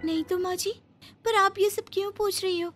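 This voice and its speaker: A woman's voice: very high-pitched, steady tone, normal speed, fairly bright tone, soft background music, pitched above the performer's own voice. A woman voicing a meek young newlywed daughter-in-law who pleads and defends herself in a cartoon story. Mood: pleading. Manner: timid, pleading.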